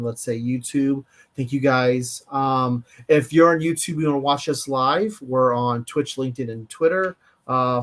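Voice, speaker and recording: A man co-hosting a live-streamed data podcast, tired and yawning, talking in a rambling way with many fillers and restarts. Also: mid-range voice. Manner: rambling, self-correcting, lots of fillers. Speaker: podcast co-host, data engineer. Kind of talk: casual live-stream chat.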